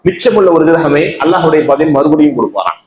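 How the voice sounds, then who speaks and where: A man's voice: a little high, animated, fast, a crowd in the background. A man with a Tamil Nadu accent giving a Friday sermon in a mosque, telling a story with repetition and emphatic peaks. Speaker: mosque preacher. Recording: echoey mosque hall.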